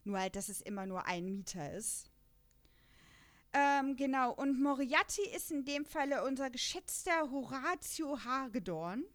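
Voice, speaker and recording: A young woman with a high, expressive, fairly bright voice hosts a casual podcast about an audio drama, speaking unhurriedly. Her style is chatty and long-winded, packed with fillers, and she laughs between points.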